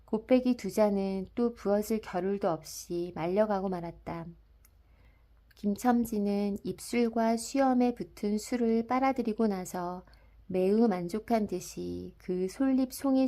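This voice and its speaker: Soft-spoken woman audiobook narrator. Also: mid-range voice. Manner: soft, even, unhurried reading. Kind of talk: calm literary audiobook narration.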